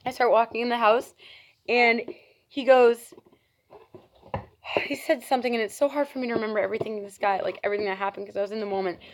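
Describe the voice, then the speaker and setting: A woman's voice: a little high, quick pace, long pauses. Exasperated young woman telling a story. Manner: animated, exasperated retelling. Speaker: reptile keeper vlogger. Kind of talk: storytime vlog. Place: home.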